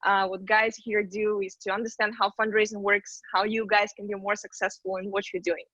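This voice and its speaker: This online talk comes from a Ukrainian woman presenting as an investment banker, speaking in an upbeat, chatty way with lots of fillers. Her medium-pitched voice is level, brisk and fairly bright. Captured by a computer mic on a video call, the audio is dull and dry, without echo.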